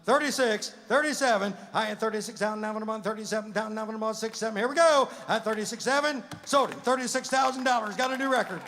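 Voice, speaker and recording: High-pitched auctioneer guy rolling out bids nonstop, crowd murmur and some noise behind him. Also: fast talker, hardly any pauses. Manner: rhythmic rolling number chant with sudden loud calls. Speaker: livestock auctioneer. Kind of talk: rapid auction chant. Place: fairground show ring with a crowd.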